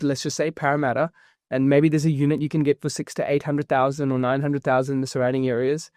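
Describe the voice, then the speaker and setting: This guest, a property investment founder from New Zealand, has a voice on the high side and speaks energetically in a relaxed interview. His explanations pour out quickly, peppered with fillers, and the sound is clean studio quality without echo.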